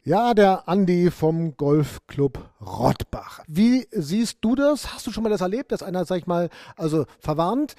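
Man, high voice, mellow tone, dry close mic, casual chat host. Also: sing-song, unhurried, few pauses, no echo. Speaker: podcast host.

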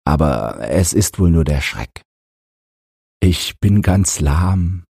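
A man playing a gentle, helpless father who talks in a soothing, apologetic way. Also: low voice, animated, slow, husky, no room sound, clean studio sound, pitched above the performer's own voice, full character voice.

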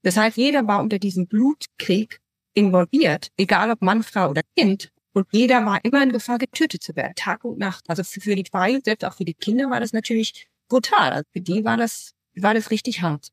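A woman's voice: mid-range voice, animated, brisk, husky, no echo. A woman from Nepal who grew up in West Papua, a guest in an interview, telling her story earnestly and at length, often restarting her sentences. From Nepal, raised in West Papua. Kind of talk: conversational storytelling.

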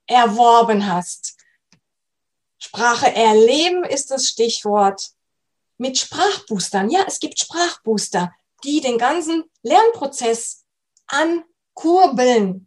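Woman, middle-aged, language coach; emphatic motivational webinar delivery, slow and deliberate. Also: a little high. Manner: emphatic, lively, coaching tone addressing the listener directly.

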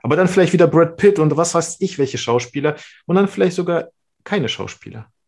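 A man talking as a podcast guest, animated and quick in bursts, in casual conversation. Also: on the high side, creaky.

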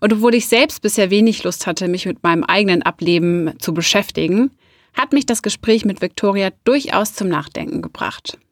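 A woman's voice: medium pitch, fairly quick, no room sound, clean studio sound. A woman in her thirties hosting a podcast, introducing the show and asking questions in a friendly, conversational way. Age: 30s. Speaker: podcast host. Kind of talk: podcast interview.

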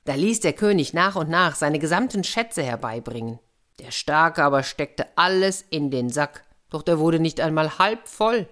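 Low-voiced woman reading a fairy tale. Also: animated, moderate pace, fairly bright tone. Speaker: storyteller.

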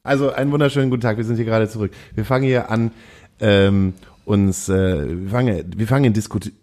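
Low-voiced man hosting a loose podcast chat. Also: a little fast, a little mellow. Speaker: podcast host. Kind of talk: casual chat.

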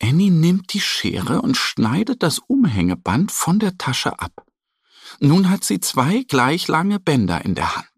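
A man narrating a children's story in a very expressive, sing-song storytelling manner. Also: a little high, husky, no room sound, clean studio sound.

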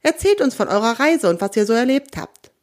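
A woman's voice: a little high, very animated, fairly quick. A woman voicing an old, kind and talkative grandmother pigeon who babbles on cheerfully. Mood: welcoming. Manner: babbling, chatty.

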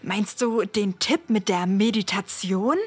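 A woman's voice: medium pitch, slow pace, husky. A woman voicing a caring, curious heroine who reassures and thinks aloud in a children's audio drama.

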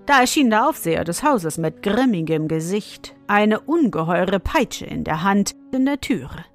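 A woman narrating a fairy tale in a calm, measured storytelling voice. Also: mid-range voice, soft background music.

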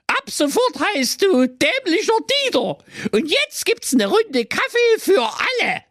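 A grand old granny with a warbly voice, as a man puts her on in a comedy storybook. She sounds squeaky high and swoops up and down. The sound is dry and close. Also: sing-song, unhurried, fairly bright tone, no echo, full character voice. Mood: grateful festive. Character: grateful older woman, grand granny.

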